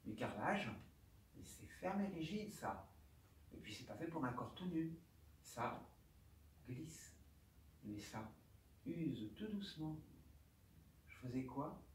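A man, a doctor, gives a personal testimony talk at a conference, speaking haltingly with aphasia and often repeating his words. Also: mid-range voice, lively intonation, slight background noise. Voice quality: speech marked by aphasia. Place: conference room. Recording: roomy hall, distant mic, faint ambience.

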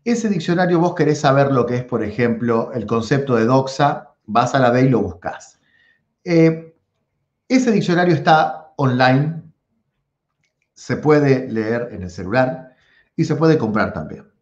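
A philosophy teacher with a Rioplatense Spanish accent gives an online lecture in a medium-pitched voice, captured on a muffled, reverberant recording. He speaks animatedly, stretching out key words for emphasis and frequently checking in with "¿sí?" and "¿tá?".

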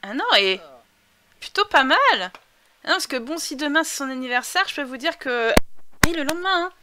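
A young woman giving chatty, excitable commentary while playing a life-simulation game, talking through a headset mic. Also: high voice, brisk. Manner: chatty, excitable outbursts, thinks aloud. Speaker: gaming YouTuber. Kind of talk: casual let's-play commentary.

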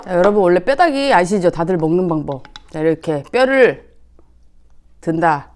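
A woman's voice: on the low side, lively intonation, moderate pace, a little mellow. A woman hosting an eating show, chatting casually to viewers with playful, self-teasing asides. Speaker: mukbang host.

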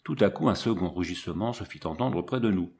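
A man reading a novel aloud in first person, with a lively, expressive delivery. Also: low-pitched, brisk, creaky. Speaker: audiobook reader. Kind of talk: first-person storybook narration.

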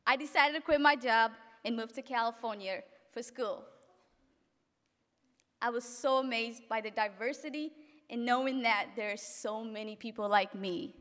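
High-voiced young woman reading a speech. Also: a bit bright. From Africa. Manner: earnest, reading from notes, halting restarts. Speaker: graduate giving a speech. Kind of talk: reading a prepared graduation speech. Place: event hall, indoors. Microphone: podium microphone. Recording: reverberant hall.

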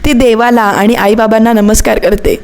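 A woman reads a romance story aloud in an even, unhurried voice. Her voice sits somewhat high, and she narrates steadily in the manner of an audiobook. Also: clean tone.

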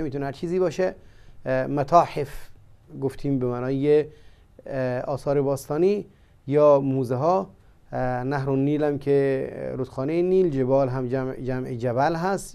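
A man teaching vocabulary in a language lesson, explaining slowly with many pauses and fillers. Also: mid-range voice, creaky, dark tone, clean tone. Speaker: Arabic teacher. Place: studio.

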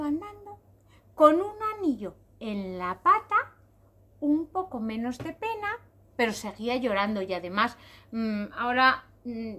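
Woman children's storyteller, high, animated, sing-song delivery. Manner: expressive, repetitive, sing-song.

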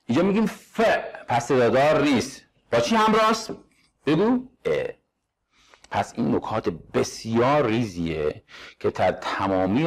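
Lively Persian-accented male English teacher. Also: on the low side, husky. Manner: quizzing students, reading examples slowly. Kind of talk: grammar lesson walkthrough.

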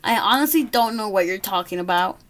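A woman's voice: mid-range voice, lively intonation, brisk, a bit bright, pitched below the performer's own voice, close to an everyday voice. A woman voicing a bossy, shifty male bear detective who blusters and accuses, reading a storybook to a toddler.

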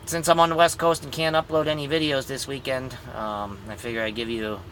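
A truck driver and grandfather in his fifties records a casual vlog update on his phone at arm's length inside his cab, telling viewers he's tired. He speaks briskly at medium pitch with a flat delivery and fairly bright tone, rambling easily with many ums, and the rough recording has a little hiss or hum.

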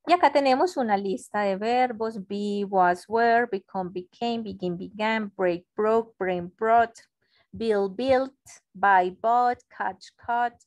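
An English teacher explains an online class over a video call, speaking into a computer mic. Her medium-pitched voice is dry-sounding, and she goes slowly and patiently, checking in often.

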